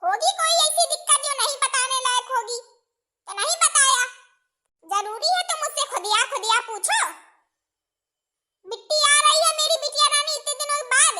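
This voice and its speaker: A woman's voice: very high voice, moderate pace, pushed and bright, voice pushed up. A woman voicing a bossy, scheming mother-in-law in a cartoon, scolding in rustic village speech.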